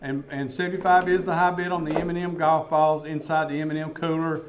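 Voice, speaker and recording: A man's voice: fairly high pitch, level tone, brisk, very noisy. A man hosting a live radio auction, reading out bids in a folksy, chuckling way.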